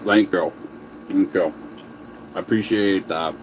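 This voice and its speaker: A man's voice: low voice, fairly even intonation, slow pace, slight background noise, poor audio. A man chatting casually on a livestream while eating, answering viewer comments and talking with his mouth full. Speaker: livestream host.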